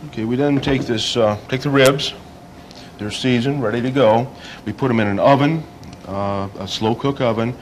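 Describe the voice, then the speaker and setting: A man's voice: mid-range voice, moderate pace, a little hiss or hum. A man giving a cooking demonstration in a folksy, polite way, with frequent fillers. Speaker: restaurant cook.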